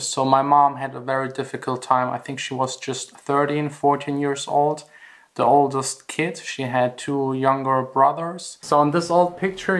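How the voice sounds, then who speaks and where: His voice is medium in pitch and a bit bright. He's a young German house DJ and music producer with a German accent, narrating a personal vlog in an earnest, reflective, plainly spoken way.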